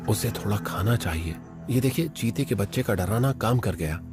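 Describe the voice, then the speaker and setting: A man narrating a wildlife documentary in a dubbed voice-over, excitedly commenting on animals as they chase and fight. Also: on the low side, moderate pace. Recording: with loud background music.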